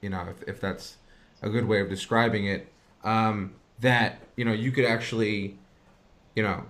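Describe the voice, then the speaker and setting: A man's voice: lowish voice, steady tone, moderate pace, a bit bright. A man hosting an interview, speaking hesitantly with lots of stammers and fillers. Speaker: interview host. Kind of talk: conversational interview.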